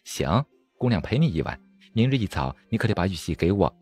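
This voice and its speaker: A man's voice: deep voice, sing-song, fairly quick, darkish tone, husky, full character voice. A man reading a storybook aloud, voicing a cold, scornful young female swordswoman who sneers and snaps impatiently. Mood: softer.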